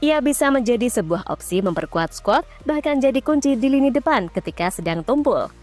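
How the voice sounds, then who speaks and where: Female football news narrator, slightly high pitch, scripted read with casual asides, faint music underneath. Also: lively intonation, fairly quick, a little mellow. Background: faint background music.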